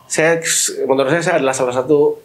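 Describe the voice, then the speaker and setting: A man in casual podcast chat, a hotel manager who tells animated stories and mixes English phrases into his talk. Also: medium pitch, fast.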